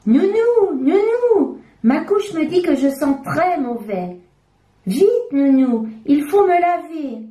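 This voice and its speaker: A woman voicing a curious, excitable little chick girl in a children's storybook, with a high, eager childlike voice. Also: slow pace, reverberant, heavily acted.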